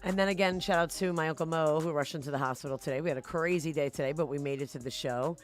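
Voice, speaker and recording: A woman hosting a live talk show, effusive and chatty, full of shout-outs. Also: low-pitched, quick pace, soft background music. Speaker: radio show host.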